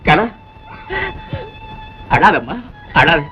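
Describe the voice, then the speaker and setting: A man's voice: on the high side, expressive, very slow. An actor playing an anxious husband soothing his crying wife in a 1960s film melodrama. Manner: soothing, pleading. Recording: dull old film soundtrack with music.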